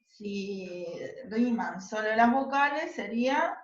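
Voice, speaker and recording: A woman's voice: fairly high pitch, expressive, takes it slowly. A woman teaching a class, patiently explaining step by step and often checking that the students follow. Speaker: literature teacher. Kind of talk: classroom lesson. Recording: roomy, distant, dull classroom recording.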